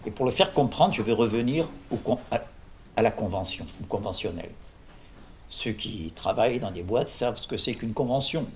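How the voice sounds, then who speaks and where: A man's voice: lowish voice, expressive, moderate pace, a little hiss or hum. A man lecturing on philosophy in an informal workshop, digressing with jokes and questions to his audience.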